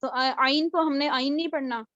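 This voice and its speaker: A woman with a high-pitched, steady, slightly bright voice teaches a tajweed class over a video call at normal speed, drilling letter sounds over and over. There is no echo, but the video call audio is dull and lo-fi.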